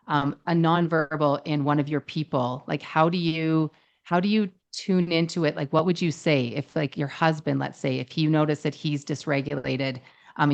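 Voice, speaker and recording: Low, gravelly-voiced woman. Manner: thoughtful, asks probing questions, affirming. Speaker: podcast co-host, relationship psychologist. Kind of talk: casual conversation.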